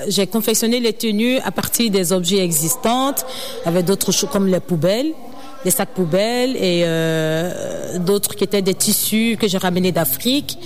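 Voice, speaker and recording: A young woman from Ivory Coast, a student designer and activist, answering interview questions earnestly, often pausing with fillers. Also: mid-range voice. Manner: earnest, hesitant with many fillers.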